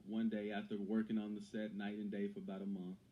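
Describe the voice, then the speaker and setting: A man's voice: fairly low pitch, level tone, fast talker, phone-quality sound. A Texan man, a guest in an interview, telling his story and acting out the people he quotes.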